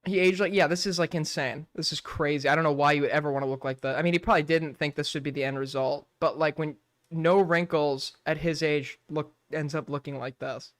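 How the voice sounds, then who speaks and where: A fairly high-pitched man in his twenties keeps a steady tone and a fairly quick pace, captured in clean studio sound with no room noise. Chatting on a late-night stream, he rambles, swears plenty and fills gaps with "like".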